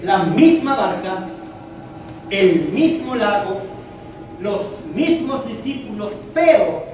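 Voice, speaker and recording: A man preaching a sermon to a congregation, animated, swinging between loud and soft. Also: high-pitched, slight background noise. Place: church hall with congregation. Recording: echoey hall, from far off. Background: congregation answering.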